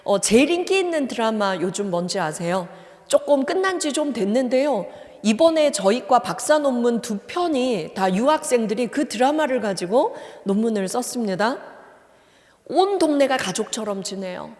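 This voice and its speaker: Female professor as seminar speaker, lively and a bit high-pitched, asks the crowd questions, long hall reverb. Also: normal speed. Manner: animated, acts out quoted lines, asks the audience questions. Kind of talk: church seminar lecture. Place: church hall.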